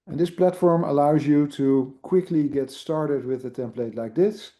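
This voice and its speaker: Speaking with a Dutch accent, this presenter, who is a university IT product owner from the Netherlands, runs a relaxed live online demo packed with fillers. His voice is on the high side, a little slow, and dark in tone.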